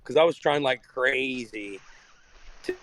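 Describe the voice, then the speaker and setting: A man's voice: mid-range voice, lively intonation, unhurried, a bit bright, rough recording. A man in casual chat as a podcast co-host, his voice cutting out over a bad call connection, loose and rambling with frequent restarts. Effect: breaking up over a bad call connection.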